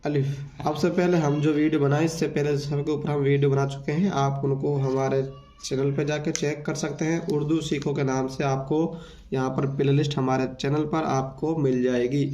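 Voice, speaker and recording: A man teaching beginners to read Urdu, explaining the letters and then sounding out syllables slowly one at a time. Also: fairly high pitch, a little mellow, a little hiss or hum. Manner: slow syllable-by-syllable drilling. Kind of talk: beginner reading lesson.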